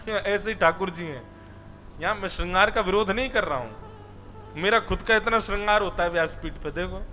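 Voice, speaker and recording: High, bright-voiced man preaching a devotional sermon. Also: long reverb tail. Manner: expressive, rising and falling for emphasis, addresses listeners as brothers. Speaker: kathavachak preacher. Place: stage at a religious discourse.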